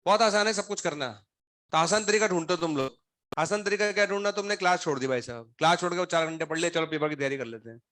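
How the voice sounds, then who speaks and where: A man's voice: high-pitched, quick pace, fairly bright tone, dry recording. Stern sarcastic man scolding his class. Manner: stern, sarcastic, questioning students one by one. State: feverish, throat unwell. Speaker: coaching teacher.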